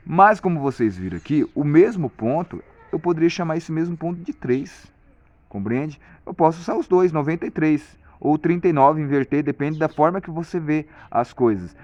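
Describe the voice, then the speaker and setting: Man, casual tutorial presenter, halting and repetitive delivery; mid pitch, dull close recording. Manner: hesitant, many restarts and repeated "compreende?". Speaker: video lesson presenter.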